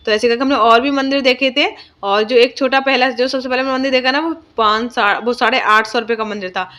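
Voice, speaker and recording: A woman's voice: a little high, steady tone, fairly quick, pushed and bright. A young woman vlogger, narrating her day in a chatty, homely way with lots of fillers. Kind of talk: casual vlog voice-over narration.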